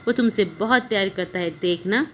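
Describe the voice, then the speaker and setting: A woman's voice: mid-range voice, normal speed, a bit bright, slight background noise, natural voice. A woman voicing an anxious mother who scolds and pleads with her daughter. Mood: pleading.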